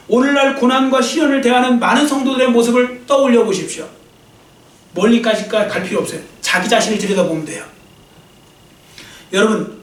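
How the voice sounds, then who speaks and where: A man preaches with a strikingly high voice, pressing his points hard and turning to the congregation with quick jokes. He is picked up from some distance away, so his voice carries the echo of a church sanctuary. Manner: emphatic preaching, addresses congregation directly, jokes with them. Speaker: pastor. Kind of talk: sermon.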